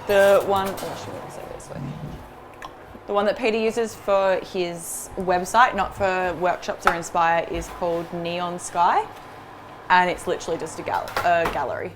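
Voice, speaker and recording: A woman's voice: on the low side, steady tone, measured pace, background noise. A woman co-hosting a live stream from a home kitchen, chatty and bubbly as she reads out viewer comments. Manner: chatty, bubbly, sometimes slips into a baby voice. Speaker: co-host reading viewer questions. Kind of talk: casual live stream chat. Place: home kitchen in a wooden cabin.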